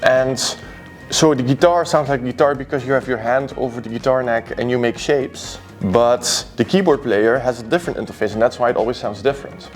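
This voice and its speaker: A man sits in a record store sharing his favorite albums. His voice sits in an ordinary middle range, and he talks slowly and reflectively, full of small fillers. Faint music plays in the background. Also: medium pitch, fairly even intonation. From Belgium. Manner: thoughtful, rambling with fillers. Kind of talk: casual chat about favorite records.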